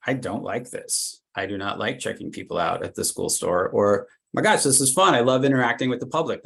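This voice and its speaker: Low, gravelly-voiced man presenting a workshop. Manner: chatty, many "like" fillers, repeats words. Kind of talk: casual career workshop talk.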